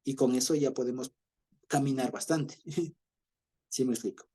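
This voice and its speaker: A man's voice: medium pitch, moderate pace, warm tone, slightly rough. A man with an Ecuadorian accent teaching a Bible study in a chatty way, often checking that listeners follow and chuckling as he goes. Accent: Ecuadorian Spanish.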